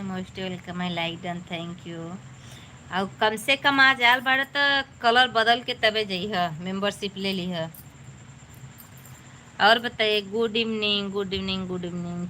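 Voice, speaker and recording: A woman's voice: mid-range voice, sharp tone, a little hiss or hum. A woman chats casually on a livestream, thanking viewers by name and teasing her daughter. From eastern Uttar Pradesh, India. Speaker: folk and devotional singer hosting a birthday livestream.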